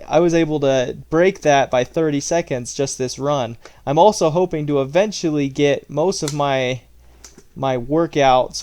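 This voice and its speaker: Male running vlogger, medium pitch, plain and slightly halting delivery, reporting workout numbers. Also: a little mellow. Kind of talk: training recap vlog, reading out workout stats.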